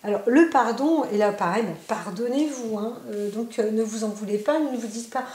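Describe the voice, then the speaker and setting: A woman's voice: a little high, moderate pace, darkish tone, roomy sound. A woman giving a spontaneous oracle card reading at home, talking straight to the viewer with many fillers and tag questions. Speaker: psychic card reader.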